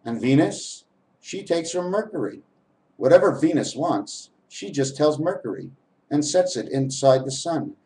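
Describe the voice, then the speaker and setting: A man's voice: fairly high pitch, animated, measured pace, mellow, poor audio. Man rambling on mystical letter wordplay. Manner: meandering, letter and number wordplay, addresses viewers as friends. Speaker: vlogger. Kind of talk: rambling spiritual monologue. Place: at home, on camera.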